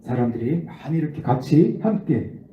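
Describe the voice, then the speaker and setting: A man's voice: on the high side, moderate pace, dull audio. A man giving a children's sermon, asking the kids questions as he leads them through a Bible passage. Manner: animated, asks the children questions. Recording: echoey room, distant mic, faint noise.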